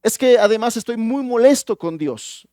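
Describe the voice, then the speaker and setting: A man's voice: high-pitched, lively intonation, unhurried, gravelly, darkish tone, dry recording, studio quality, exaggerated voice. A man voicing an agitated young married man who pleads that God has not helped him. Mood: upset pleading. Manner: agitated and pleading, then evasive.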